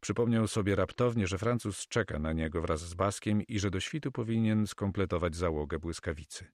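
A man narrating an adventure audiobook in a measured, even storytelling manner. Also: sits low, no room sound, clean studio sound. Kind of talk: scripted narration.

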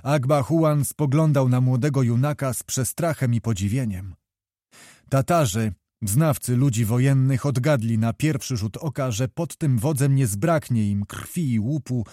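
Mellow male audiobook narrator. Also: medium pitch, measured pace, no echo, clean studio sound. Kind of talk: scripted narration of a historical novel.

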